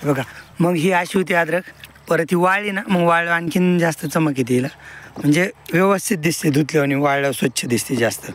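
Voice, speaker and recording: A man's voice: on the high side, fast. A man narrating a casual farm vlog outdoors, walking the viewer through his fields and animals. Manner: explains his fields and animals to the camera while working. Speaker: farmer vlogger.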